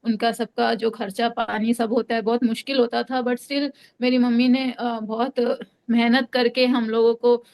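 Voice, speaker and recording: A young woman from Delhi shares her personal faith testimony in a smooth, clear, fairly high voice. She speaks with little rise and fall, often pausing on fillers and starting her sentences over. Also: little pitch movement, darkish tone. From Delhi, India. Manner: hesitant, many fillers and restarts.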